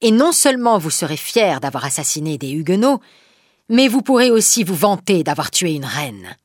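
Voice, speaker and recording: Woman doing a queen: proud, calm, commanding, husky tone. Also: lowish voice, moderate pace, no echo, clean studio sound. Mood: defiant.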